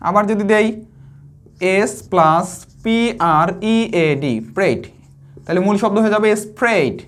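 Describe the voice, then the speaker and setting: A woman's voice: mid-range voice, expressive, normal speed. A woman teacher, giving a pronunciation lesson. She spells words out letter by letter and asks and answers her own questions.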